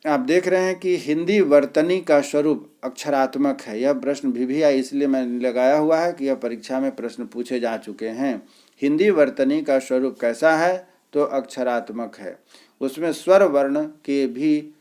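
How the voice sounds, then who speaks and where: A man teaching an exam-prep lecture, explaining step by step with pauses and filler sounds. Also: mid-range voice, darkish tone.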